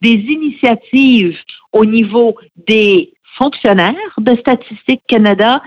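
On a slightly muffled, dry recording with no room sound, a middle-aged woman heading a francophone federation talks as a radio interview guest. She pitches a little high and takes her time, explaining earnestly but hesitating frequently.

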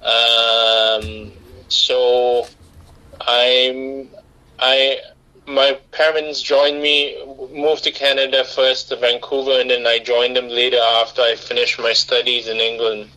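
A man's voice: medium pitch, little pitch movement, slow, bright, forceful tone, low-quality recording. Earnest middle-aged man, long answers. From Singapore. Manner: earnest, talks at length with many restarts. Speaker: guest, director and writer. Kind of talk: radio interview answers.

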